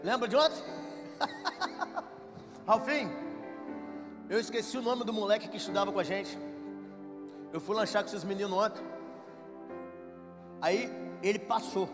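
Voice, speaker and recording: A Brazilian man, a pastor, telling jokey stories in a sermon that builds to shouted preaching in a church. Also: high-pitched, a little slow, long pauses. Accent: Brazilian Portuguese. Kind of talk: sermon with storytelling. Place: church hall. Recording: reverberant church hall with music.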